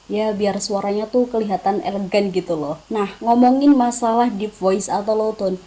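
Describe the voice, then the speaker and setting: A woman's voice: medium pitch, steady tone, moderate pace, warm tone, rough recording. A young woman hosting a voice-over tutorial in a casual, chatty way, with playful self-deprecating asides.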